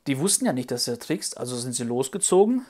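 A woman retelling a Bible story for children, patient and gently explaining, with playful hesitations. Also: rumbling low, very animated, quick pace.

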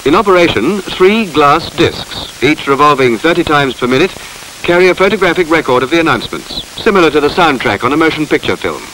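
A man narrates a 1950s documentary in formal, measured phrases. His voice sits a little higher than usual for a man. The old film soundtrack adds a light hiss. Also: expressive, fairly bright tone, rough recording.

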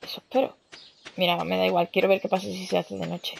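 A woman's voice: fairly low pitch, level tone, quick pace, creaky, slight background noise. Chatty young Spanish woman gaming. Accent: Spain Spanish. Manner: chatty, swears casually, reacts aloud while playing. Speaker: gaming channel host. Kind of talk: casual let's-play commentary. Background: game music.

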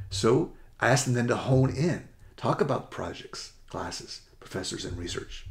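A middle-aged man giving an upbeat, rushed presentation as a college essay coach, often correcting himself mid-sentence. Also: medium pitch, creaky, a little mellow. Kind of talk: presentation to parents and students.

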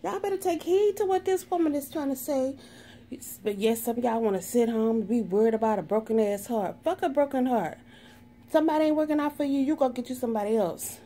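A woman's voice: high voice, a little fast, warm tone, slight background noise. A woman doing a sassy, profane tarot reading in a brash, sarcastic way, swearing constantly. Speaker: tarot reader.

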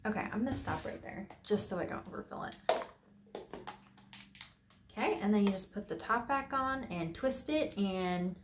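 A woman's voice: mid-range voice, animated, normal speed, long pauses, noisy background. A woman vlogger talking casually and upbeat through a DIY tutorial in her home office. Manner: chatty, upbeat, with fillers.

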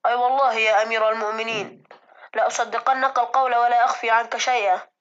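A weeping male servant cries out his guilt in loud, pleading bursts, played by a woman. The voice is high and bright. The lo-fi recording dulls the sound. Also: fairly even intonation, fast talker, close to an everyday voice. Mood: confessing. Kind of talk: classroom drama reading.

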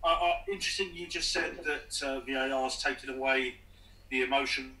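Man, reporter, probing question, crisp bright voice, roomy echo, far from the mic. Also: mid-range voice, steady tone, a little fast. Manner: probing, conversational. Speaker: journalist asking a question. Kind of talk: press conference question. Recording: echoey room, distant mic.

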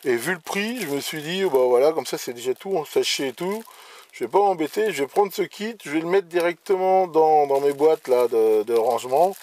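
A man's voice: fairly high pitch, lively intonation, moderate pace, dark tone, slight background noise. A man casually presenting electronics gear he bought, hesitant, with many restarts and fillers. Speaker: electronics hobbyist presenting purchases. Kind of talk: casual show-and-tell.

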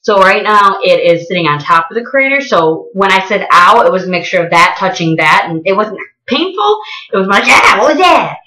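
A woman's voice: mid-range voice, big pitch swings, fairly quick, sharp tone. A woman in her twenties chatting casually and exclaiming to viewers as she narrates a task, her speech slightly impeded by a tongue piercing. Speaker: vlogger. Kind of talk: casual vlog chat, talking to viewers while doing a task. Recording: echoey small hard-walled room.

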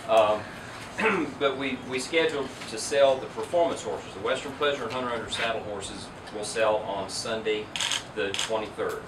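A man's voice: on the low side, moderate pace. A middle-aged man, an auction company owner, giving a businesslike statement at an indoor press event, picked up from a distance. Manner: businesslike, steady explaining. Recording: roomy, distant, loud air-conditioning hum.

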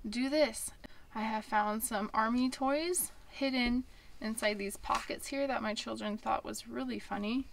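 A woman's voice: fairly high pitch, a little hiss or hum. A woman in her thirties chatting casually as she shows off her small wooden camper trailer, with lots of ums and likes, recorded on a handheld phone. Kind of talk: casual show-and-tell. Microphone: handheld phone camera.

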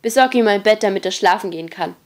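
Woman doing a gruff teen boss. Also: medium pitch, quick pace, close to an everyday voice. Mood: bossy. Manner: loud, barking orders. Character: gruff bossy teenage boy leader.

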